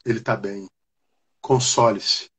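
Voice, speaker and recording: Man doing old bearded stranger, low, husky, consoling. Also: steady tone, slow pace, fairly bright tone, full character voice.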